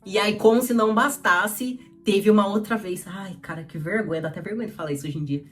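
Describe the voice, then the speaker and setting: A woman's voice: mid-range voice, fast, faint music behind. Chatty Brazilian woman giving blunt advice. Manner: chatty and direct, addresses viewers as "cara" and "gente". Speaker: YouTuber. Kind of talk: casual advice vlog.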